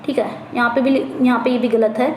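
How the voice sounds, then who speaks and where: A woman tutor giving an exam-prep lesson, explaining each question in Hindi and reading the English lines out slowly, often repeating herself and correcting small slips. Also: a little high, steady tone, darkish tone. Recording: echoey room, faint background noise.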